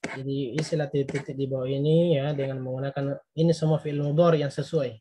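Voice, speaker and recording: A man's voice: mid-range voice, flat delivery, fairly quick, mellow, a little hiss or hum. A man giving a recorded Arabic grammar lesson, explaining patiently and translating each word. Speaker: Arabic teacher.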